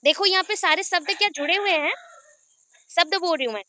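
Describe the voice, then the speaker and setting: तेज़, ऊँची आवाज़ वाली महिला शिक्षिका. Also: female voice, very high voice, fairly quick, sharp tone, no room sound. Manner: questioning, drills syllables aloud. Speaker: teacher. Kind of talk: online class lecture in Hindi pedagogy.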